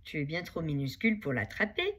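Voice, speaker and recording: A woman's voice: low-pitched, huge pitch swings, fairly quick, a bit bright, slightly rough, exaggerated voice. Storybook sidekick, male, skeptical and sighing, read by a woman. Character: doubtful, sighing male friend.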